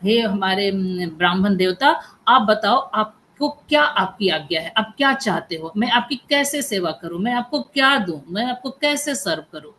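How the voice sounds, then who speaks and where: A woman's voice: mid-range voice, lively intonation, moderate pace, few pauses, sharp tone, slight background noise. A woman voicing a generous, devoted king in a told legend, speaking respectfully and eager to serve.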